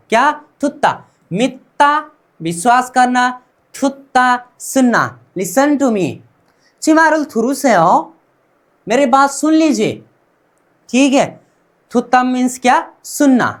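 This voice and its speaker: In a classroom-style Korean pronunciation lesson, a man with a very high voice asks "what?" and then answers himself, repeating each sound several times.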